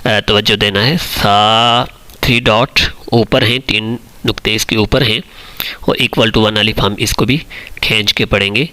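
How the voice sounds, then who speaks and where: A man's voice: fairly low pitch, fairly even intonation, sharp tone. Patient man teaching the alphabet. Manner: slow, patient, drawn-out letter recitation; explains in Urdu mixed with English words. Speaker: Quran teacher. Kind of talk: online alphabet lesson.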